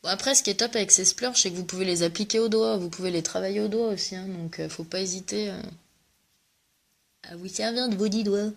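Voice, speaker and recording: A woman's voice: mid-range voice, fairly quick, vocal fry. A young woman with a cough, chatting casually and joking at her own expense while doing a makeup tutorial. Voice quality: joking, self-mocking, chatty. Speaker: makeup vlogger selling cosmetics.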